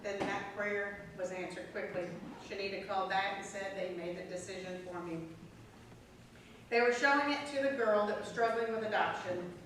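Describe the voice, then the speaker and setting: A woman telling her personal faith testimony as a guest speaker at a prayer group, earnest and storytelling, with emphatic pauses. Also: mid-range voice. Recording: echoey room, mic far off, faint noise.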